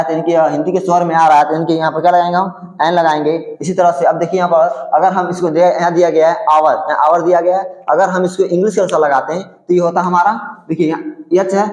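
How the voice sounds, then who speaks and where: Man teaching a grammar lesson, echoey room. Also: fairly high pitch. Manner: explanatory, repeats points and checks with "ठीक है".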